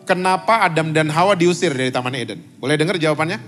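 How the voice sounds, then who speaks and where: A male pastor speaking in a somewhat high voice, preaching in a chatty way as a talk-show guest. He fires questions at the audience and drops English words into his talk. Soft music sits faintly behind him in a church meeting room. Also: fast. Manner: animated, quizzes the audience, mixes in English words.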